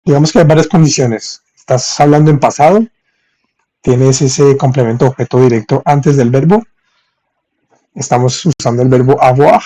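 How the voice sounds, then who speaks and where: Guy running a live french class, mellow voice, reads the chat and spells stuff out slowly. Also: medium pitch. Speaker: French teacher. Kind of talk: live-streamed language lesson.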